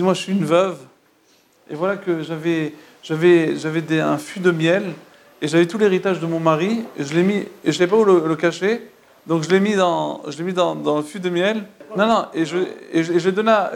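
A man with a high, gravelly voice tells old stories in a loose, spoken way. He stumbles and repeats words, restarts his sentences and turns to ask his listeners if they follow. The telling is casual and unscripted. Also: a little fast, slight background noise. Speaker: storyteller. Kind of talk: casual oral retelling of religious tales.

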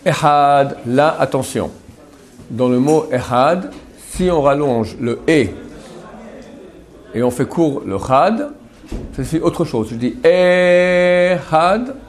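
A man teaching a religious class. He talks in a chatty way, checks often that the class follows, and slowly repeats words to show how they are said. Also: medium pitch, a little mellow. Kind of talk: Torah class on Hebrew pronunciation.

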